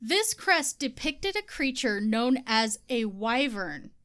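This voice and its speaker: A woman's voice: a little high, big pitch swings, slow pace, fairly bright tone. A woman co-hosting a casual podcast, reading from her research notes, laughing often and swearing casually. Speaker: podcast co-host.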